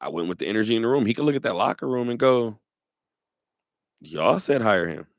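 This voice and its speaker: A man hosting a sports radio talk show, talking in an animated way, laughing often and repeating his points. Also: mid-range voice, rapid-fire, no echo, studio quality.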